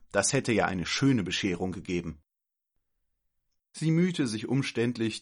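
A man calmly reading a children's story aloud as narrator. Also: fairly low pitch.

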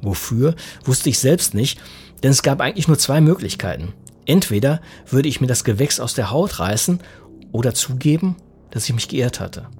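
A man in his forties reading a humorous first-person story in a wordy, self-mocking, deadpan manner. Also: medium pitch, moderate pace, slightly rough. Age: 40s. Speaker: narrator.

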